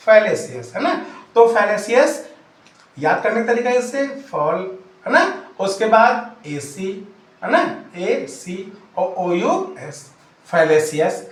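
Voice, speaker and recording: Male tutor, lively voice, spells words out slowly, recorded a bit off-mic in an echoey room. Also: high voice. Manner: spells words letter by letter slowly, keeps asking "right?". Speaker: English teacher. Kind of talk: classroom vocabulary lesson. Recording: roomy sound from some distance off the mic.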